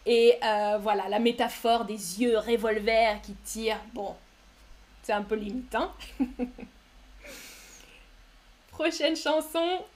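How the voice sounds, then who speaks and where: A woman teaching on a casual live stream, talking slowly and clearly with many pauses and fillers. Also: on the high side. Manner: slow and clear, with many "euh" fillers, sings song excerpts. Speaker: French teacher streaming to learners.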